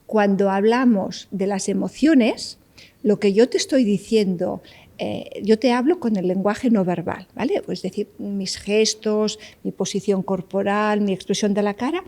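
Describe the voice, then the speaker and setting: Unhurried and dark-toned, this woman's medium-pitched voice belongs to a psychologist being interviewed. She explains ideas like a teacher, often asking "¿vale?" along the way.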